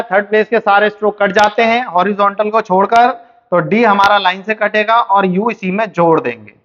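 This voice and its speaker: A man teaching shorthand in a classroom lesson, explaining step by step and asking and answering his own questions. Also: sits high. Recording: dull, muffled lo-fi recording.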